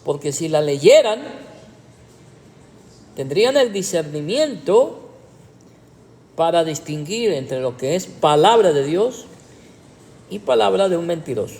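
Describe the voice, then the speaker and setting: A man's voice: on the high side, very animated, slow, long pauses, darkish tone, big-room sound. A man, a pastor, preaching a livestreamed teaching sermon in a sarcastic way, with emphatic rhetorical questions.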